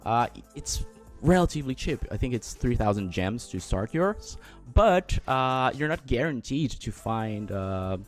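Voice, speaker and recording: A man's voice: medium pitch, measured pace, faint music behind. A man co-hosting a mobile game livestream, talking loosely with many fillers while giving players advice. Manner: relaxed, filler-heavy, advising viewers. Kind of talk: casual livestream chat.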